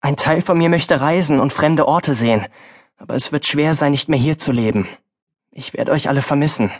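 A man's voice: a little high, normal speed. A male audiobook narrator voicing a young farm boy who sounds hesitant and worried about leaving home.

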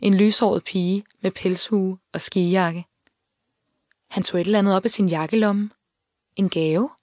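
A woman reading an audiobook in calm, measured narration, at a middling pitch. She is close on the mic in a dry, deadened room. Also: no room sound. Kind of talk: scripted narration. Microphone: close studio mic.

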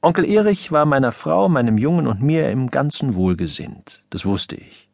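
A man reading a humorous story aloud as an audiobook narrator, with an expressive, mock-stern manner, on a close studio microphone. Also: medium pitch, moderate pace, gravelly, no echo.

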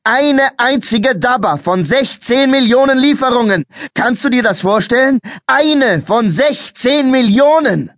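Furious bellowing street cop, as a man puts him on, very high and strained, dry close sound. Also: brisk, few pauses, no room sound. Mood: furious shouting. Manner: shouting, threatening. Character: brutal mustached male street cop.

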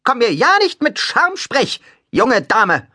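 A man's voice: very high-pitched, huge pitch swings, slow, pushed and bright, dry recording, clean studio sound, pitched above the performer's own voice, full character voice. A man voicing a pompous, indignant male Roman god in statue form in an audiobook, scolding in haughty, clipped outbursts. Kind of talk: audiobook character voice.

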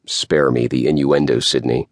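A man's voice: extremely low pitch, level tone, normal speed, gravelly, no room sound, studio quality, pitched below the performer's own voice. A man voicing a curt, cold young businessman who speaks in clipped, commanding lines.

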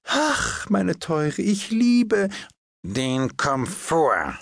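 A man voicing a slow, ingratiating male palm reader in an audiobook. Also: on the high side, wildly swooping pitch, vocal fry, no room sound, clean studio sound, voice pushed up, full character voice. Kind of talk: audiobook character voice.

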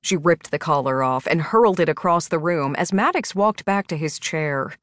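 Brief: woman audiobook narrator, lowish voice, dry close sound, steady measured reading. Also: no echo.

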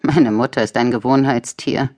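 A tired, calm man, read by a woman narrator, weary but steady as he talks. He sounds plain and unhurried. It is a voice from an audiobook thriller. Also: a bass voice. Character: tired, calm middle-aged male customer.

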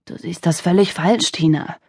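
A woman narrator voicing a cocky, aroused young man in an audiobook, hushed and croaking. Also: lowish voice, moderate pace, no room sound, studio quality. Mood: alarmed. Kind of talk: audiobook character voice.

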